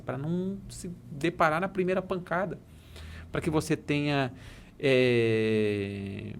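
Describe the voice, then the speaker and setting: A man with a Brazilian Portuguese accent speaks as a coach and guest, emphatic and a bit preachy, mixing chat with parables. His voice sits at a middle pitch, with faint noise in the background. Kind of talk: casual chat with storytelling.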